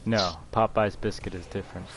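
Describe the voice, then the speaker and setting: A man chatting casually while gaming, giving dry deadpan retorts. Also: sits low, brisk, vocal fry, a little hiss or hum. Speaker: host, gamer.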